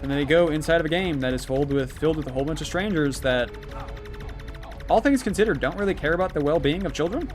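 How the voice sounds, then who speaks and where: A man's voice: on the high side, expressive, fast talker, faint music behind. A man livestreaming while he plays, chatting casually with many fillers, restarts and chuckles, over a gaming stream.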